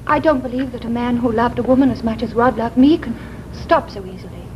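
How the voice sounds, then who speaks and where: An earnest young wife in a 1950s TV drama, her high voice quiet, steady and pleading. The old broadcast sound is muffled, with a soft hiss behind her. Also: fairly quick.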